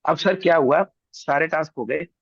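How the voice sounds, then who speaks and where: A man's voice: fairly high pitch, moderate pace, creaky, breathy edge, no room sound, muffled recording. A young man from India, a guest on an interview show, telling his story casually and acting out what others said. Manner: animated, acts out others' lines.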